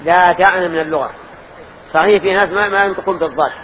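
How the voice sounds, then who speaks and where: A man's voice: high voice, rapid-fire, fairly bright tone. An older man giving a religious lesson in a mosque, quizzing and correcting his students as he explains. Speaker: religious teacher. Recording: dull lo-fi lesson recording with faint noise.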